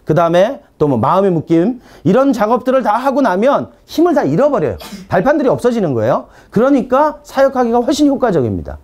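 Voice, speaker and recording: A man preaching a sermon and teaching deliverance ministry, telling stories and acting out commands, dropping to a quiet firm voice for the commands. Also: high voice, fast, few pauses. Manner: animated storyteller, drops to a quiet firm voice for commands.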